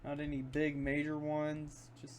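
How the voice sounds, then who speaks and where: An unhurried, monotone man with a voice on the high side narrates his gameplay from his room. As a gaming video host, he rambles casually and thinks aloud without a script. Behind him are a running fan and clicks from his keyboard and mouse.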